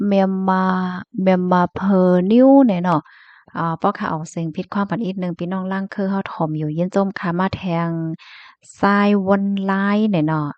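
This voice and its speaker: A woman chatting casually as she reads out news and viewer comments, full of fillers and soft laughs. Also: medium pitch, no room sound. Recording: dull, slightly muffled dry recording.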